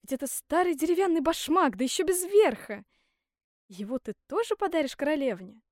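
A woman's voice: sits high, animated, fairly quick, a little mellow, no echo, clean studio sound, voice pushed up. A woman reading a storybook aloud, voicing two haughty, mocking learned brothers who jeer at their sibling. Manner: scornful and jeering.

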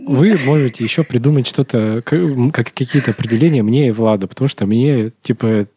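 Brief: thirties male podcast host, husky low voice, dry close mic, chatty with restarts. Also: a little fast, mellow, dry recording. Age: 30s. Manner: chatty, laughs often, trails off in restarts. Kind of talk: casual podcast chat.

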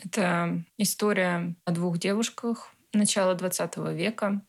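Calm, low-voiced young woman filmmaker. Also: normal speed, gravelly. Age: 20s. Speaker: guest filmmaker. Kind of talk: personal interview answers.

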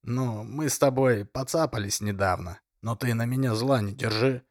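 A man voicing a hungover male drunk who begs with a hoarse, wheedling, slangy voice. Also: mid-range voice, normal speed, no room sound, clean studio sound, pitched above the performer's own voice, close to an everyday voice. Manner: pleading, slangy.

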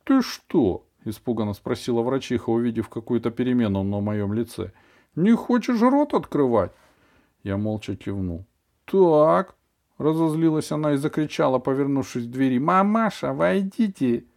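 A man's voice: medium pitch, expressive, normal speed, mellow, close to an everyday voice. A man voicing a small, stern female dentist who coaxes a child and then orders him about firmly. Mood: shouting. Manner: coaxing then sharply commanding.

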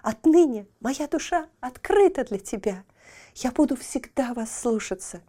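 A woman voicing a devoted, excitable male dog in a children's audio tale, gushing and growling, pitched high. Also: measured pace. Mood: adoring.

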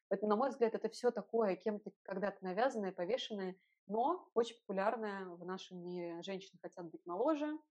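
A woman with a fairly low, slightly mellow voice co-hosts a podcast in casual discussion. She argues her opinions in a reasoned way, using rhetorical questions.

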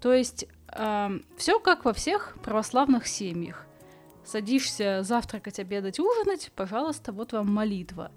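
Woman podcaster who cant say her r's, chatty bedtime storytelling, mid pitch, music behind her. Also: very animated, unhurried. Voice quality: non-rolled, burred r sound (speech impediment). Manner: chatty, colloquial asides. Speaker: podcast host. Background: background music.

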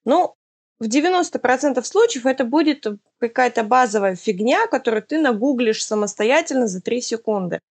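A woman's voice: a little high, expressive, brisk, a little mellow, husky. A woman talks casually in an interview, explaining things in an informal way.

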